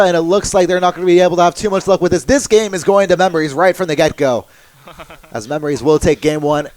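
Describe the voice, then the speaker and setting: A young man calling live esports play-by-play, quick and excitable, laughing now and then. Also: on the high side.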